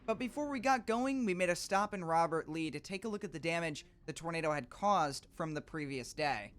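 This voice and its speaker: A man's voice: fairly high pitch, lively intonation, brisk, fairly bright tone. A man reading scripted documentary narration for a storm-chasing video. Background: music.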